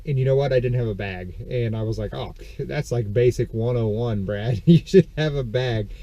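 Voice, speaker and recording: This reseller vlogger talks through estate sale finds from a parked car, the camera mounted on his steering wheel. He speaks in a mellow mid-range voice at normal speed, congested from a dust allergy, casual and rambling, with plenty of ums and corrections. The recording is dry and dull.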